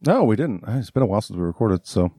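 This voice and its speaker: Low-voiced laid-back man hosting. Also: fast, slight background noise. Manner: laughs often, relaxed and rambling. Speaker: podcast host. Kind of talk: casual chat.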